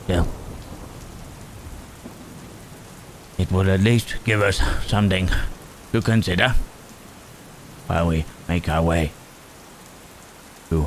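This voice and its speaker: This ASMR roleplay features a man as a protective, brooding monster who speaks in a very low, slow, halting way, with formal, old-fashioned phrasing that feels gentle and thoughtful. Rain and thunder sound clearly, along with a slight hiss or hum, and the mood is pensive and gentle.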